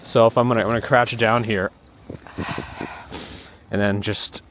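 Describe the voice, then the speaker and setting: Man, low voice, casual live-stream chatter, walking outside in heavy snow, phone mic, clear street noise behind. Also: level tone, unhurried, a bit bright. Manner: rambling, thanks viewers by name. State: losing his voice. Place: snowy city streets outdoors in a blizzard. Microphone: handheld phone.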